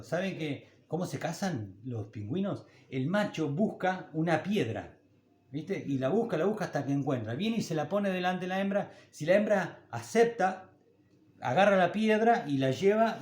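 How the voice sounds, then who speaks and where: A man's voice: fairly high pitch, lively intonation, moderate pace, darkish tone, reverberant. An older man with an Argentine Spanish accent, preaching a sermon as a pastor in a conversational, folksy way with homely anecdotes.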